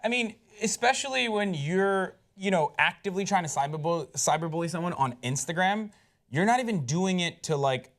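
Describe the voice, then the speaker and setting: A man co-hosting an online pop culture talk show, his voice sitting somewhat high for a man. He rambles in a casual, animated way, sounding openly baffled, and leans on "like" as he talks. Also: normal speed. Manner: animated, incredulous, rambling with many "like"s. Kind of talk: casual panel chat.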